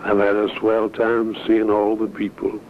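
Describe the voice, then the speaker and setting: A man's voice: lowish voice, monotone, phone-quality sound, a little hiss or hum. An older man giving a plain, heartfelt greeting on an old wire recording. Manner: plain, slow, heartfelt thanks. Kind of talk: spoken greeting on a home recording.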